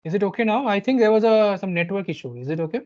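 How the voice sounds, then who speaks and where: A woman's voice: medium pitch, expressive, fast talker, darkish tone, muffled recording. A woman teacher giving an online class over a video call, explaining step by step and quizzing students while her audio glitches and cuts out. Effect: glitchy audio cutting out over an online call.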